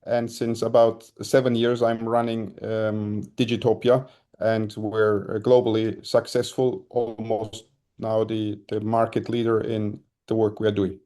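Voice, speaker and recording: A man, speaking as a podcast guest in a measured way with frequent ums. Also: on the low side, flat delivery, warm tone. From Germany. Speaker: guest, company co-founder. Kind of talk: podcast interview.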